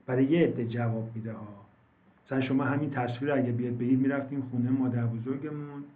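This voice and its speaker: A man's voice: medium pitch, steady tone. Man teaching on a tinny online call. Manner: explains slowly and drawn out, repeating words, with many fillers. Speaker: English teacher. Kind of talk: online class, explaining vocabulary. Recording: tinny phone-like call audio, echoey.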